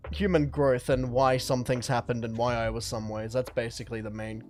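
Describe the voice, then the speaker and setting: Rambling young streamer. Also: male voice, medium pitch, flat delivery, a little fast, a little mellow. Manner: rambling, reflective, stumbles and restarts often. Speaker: livestream host. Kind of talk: casual live-stream chat. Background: lo-fi music.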